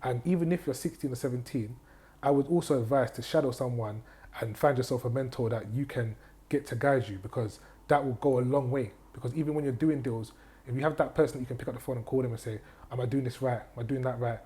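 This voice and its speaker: Guy, quick and confident, mellow dark tone, keeps going "you get me", faint hiss. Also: medium pitch, fairly even intonation. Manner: confident, advisory, repeats key phrases; checks in with "do you get what I mean". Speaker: guest, property investor and trainer. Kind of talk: casual podcast interview.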